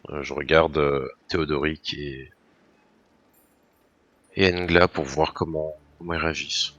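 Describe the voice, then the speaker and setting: Very deep male player, muffled sound. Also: steady tone, a little slow, a bit bright, no echo. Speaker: tabletop game player. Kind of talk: improvised tabletop role-play. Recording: dull lo-fi voice channel.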